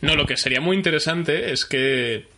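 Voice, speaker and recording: Bright-voiced man from steering the talk. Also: on the high side, a little hiss or hum. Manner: measured, steers the discussion. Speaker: podcast co-host. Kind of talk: casual film chat.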